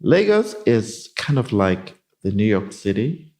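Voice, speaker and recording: A man in his fifties from Nigeria, a company executive answering interview questions in a measured, explanatory way. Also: fairly low pitch, very animated, darkish tone. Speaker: guest, company CIO. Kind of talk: casual interview.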